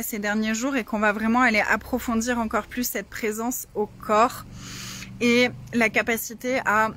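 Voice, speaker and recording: A woman with a fairly high voice talks informally to her followers as a coach on a live stream. She explains and greets in a casual way. Her voice rings in an echoing space. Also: a bit bright, a little hiss or hum. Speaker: coach hosting a live session. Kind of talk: casual livestream talk to followers.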